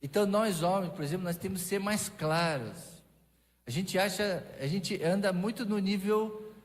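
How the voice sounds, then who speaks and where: A man preaching a sermon in a Brazilian Portuguese accent, talking in a conversational way with restarts and lively asides. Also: high voice, moderate pace. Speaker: pastor. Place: church sanctuary. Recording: long reverb of a church hall.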